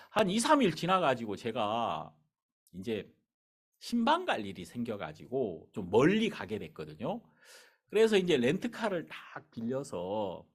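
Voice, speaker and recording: A middle-aged male pastor telling a personal story in a sermon, in an animated, conversational way. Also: medium pitch, breathy edge.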